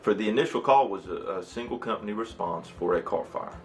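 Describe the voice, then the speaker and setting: A middle-aged man, a fire battalion chief, recalling events in a halting, matter-of-fact documentary interview. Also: on the low side, animated, a little hiss or hum. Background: background music.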